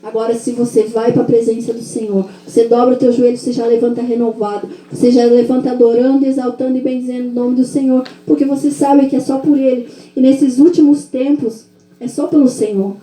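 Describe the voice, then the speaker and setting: A woman's voice: fairly high pitch, level tone, a little fast, warm tone, reverberant, rough recording. A woman from Brazil giving a sermon testimony in a fervent, repetitive preaching cadence. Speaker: church speaker giving testimony.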